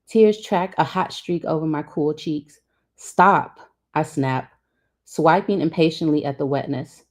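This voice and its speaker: A woman's voice: low-pitched, normal speed, a little mellow. A woman reading a novel aloud, voicing the dialogue expressively. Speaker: reader.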